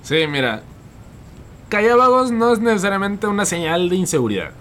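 Laid-back co-host. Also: male voice, high voice, sing-song, moderate pace, a bit bright, a little hiss or hum. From Mexico. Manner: brief slangy interjections and backchannels. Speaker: podcast co-host. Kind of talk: casual chat.

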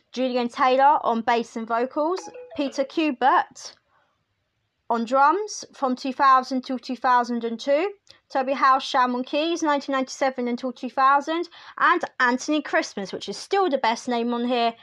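Woman, high voice, dry close sound, chatty solo host, wry asides. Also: a bit bright, dry recording. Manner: chatty, wry asides while reading lists. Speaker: music podcast host. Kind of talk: casual solo commentary.

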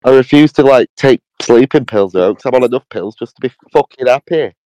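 Young co-host, dark mellow voice, blunt sweary banter, dry lo-fi recording. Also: male voice, medium pitch, a little fast, dry recording. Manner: blunt, jokey interjections with swearing. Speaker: podcast co-host. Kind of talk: casual chat. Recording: slightly dull, lo-fi mic.

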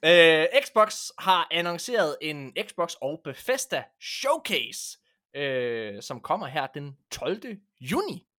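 A man co-hosting a casual podcast chat, telling stories with lots of animation. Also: fairly high pitch. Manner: animated storyteller, acts out voices. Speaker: podcast co-host.

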